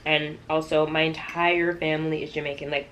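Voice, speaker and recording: A woman's voice: deep voice, little pitch movement, moderate pace, a bit bright, a little hiss or hum. A woman from Canada talking casually and directly to her viewers in a chatty storytime vlog. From Toronto, Canada. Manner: conversational, addressing viewers directly. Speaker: YouTube vlogger.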